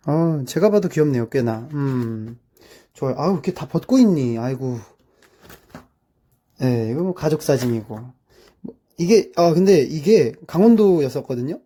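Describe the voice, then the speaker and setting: A young man from South Korea talks through his childhood photos in a loose, chatty way, filling pauses with easy drawn-out fillers. His voice is deeply mellow and dark, at an ordinary middle pitch for a man. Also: slightly rough. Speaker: streamer. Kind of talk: casual commentary over childhood photos.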